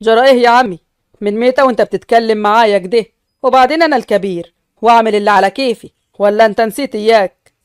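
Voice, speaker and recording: A woman voicing a proud young male village chief with an Upper Egyptian accent, commanding and brisk. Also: fairly high pitch, clean tone, no echo, studio quality, pitched below the performer's own voice, close to an everyday voice. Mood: defiant.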